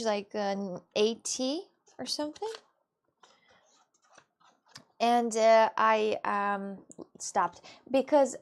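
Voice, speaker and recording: A young Russian woman, a native Russian speaker, chats casually with viewers on a livestream. Her slightly high voice carries halting, hesitant English full of fillers, laughs and giggles.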